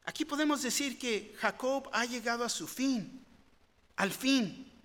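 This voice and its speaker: A man's voice: very high voice, a little slow, a bit bright. A man preaching a sermon, earnest and rising into fervent pleading. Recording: long hall reverb.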